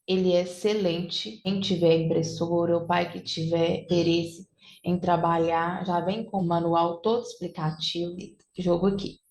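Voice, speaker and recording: A woman teaching parents in an online class, slowly and deliberately sounding out letters and syllables. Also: fairly low pitch, level tone, darkish tone, echoey room, slight background noise. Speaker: literacy teacher. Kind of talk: online class demonstrating phonics materials.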